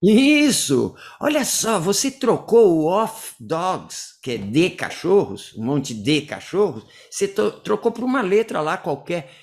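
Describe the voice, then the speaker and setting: A Brazilian man teaching English, chatty and animated, laughing often and drilling phrases aloud. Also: sits high, measured pace, few pauses. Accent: Brazilian Portuguese. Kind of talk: teaching chat over a student video.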